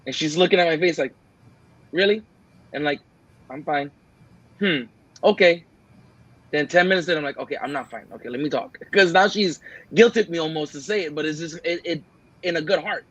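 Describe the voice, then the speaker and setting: A man's voice: fairly high pitch, brisk, long pauses, a bit bright, poor audio. A man co-hosting a podcast, talking in an earnest, rambling way and acting out his own quoted lines. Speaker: podcast co-host. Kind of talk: casual podcast chat.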